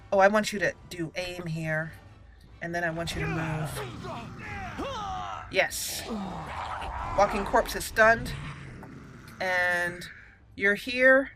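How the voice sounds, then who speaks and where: With a lowish, bright voice and a forceful tone, a woman delivers casual gameplay commentary for her gaming channel, narrating each move and thinking out loud. Game music plays behind her.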